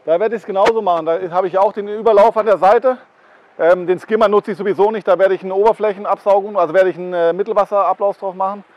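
A man talks quickly about his pond setup, peppering his speech with fillers. His voice is a bit high, and the recording sounds dull and lo-fi. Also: steady tone, a little mellow, no echo. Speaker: pond owner. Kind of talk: casual chat. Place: outdoors at a koi pond.

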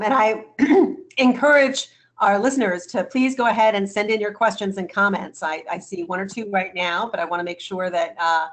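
A woman hosts a webinar Q&A, polite and measured as she invites questions and asks her own. Her voice sits at an ordinary middle pitch. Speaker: webinar moderator. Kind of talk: moderating a webinar Q&A.

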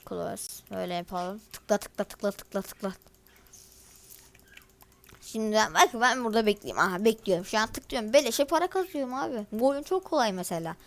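A woman's voice: medium pitch, expressive, normal speed. A teenage girl, casually commenting over her gameplay in a chatty, grumbling way and talking straight to her viewers. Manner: chatty, grumbling and exasperated, addresses viewers directly. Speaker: gaming video creator.

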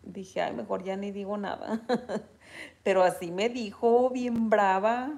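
A woman with a Mexican accent chatting casually with her viewers, retelling stories in an animated way and reading their comments aloud. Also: medium pitch, unhurried, vocal fry.

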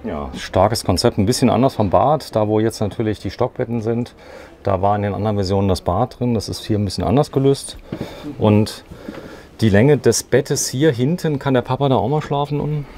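A man's voice: lowish voice, brisk, warm tone. A man hosting a walkthrough interview, upbeat and summing up features with questions, inside a camper van at a trade fair. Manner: upbeat, asks questions and sums things up. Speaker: interviewer and show host.

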